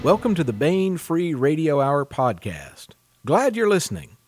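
With music playing behind him, a man hosting a book podcast, also its contributing editor, reads a scripted introduction and news, then puts questions to a guest. His voice is fairly high and very animated, delivered at a measured pace.

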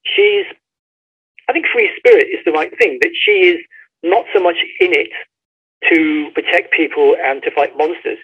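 A guest author, male, walks through a story by phone, performing the quoted lines with emphatic, chatty delivery. The pitch is fairly high, the tone animated and a bit breathy, the pace moderate, and the line sounds tinny.

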